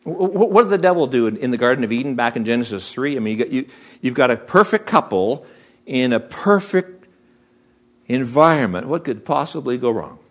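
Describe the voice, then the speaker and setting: A man's voice: mid-range voice, expressive, fairly quick. A man preaching a sermon as pastor, asking the congregation rhetorical questions.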